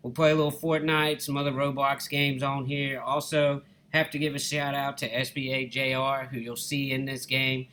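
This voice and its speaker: This gaming channel host, a man from Alabama in the United States, has a Southern Alabama accent and a mid-range, sharp voice with level tone. He talks at a moderate pace with hardly any pauses, giving easygoing, folksy, casual commentary over his gameplay and calling viewers "guys" and "y'all."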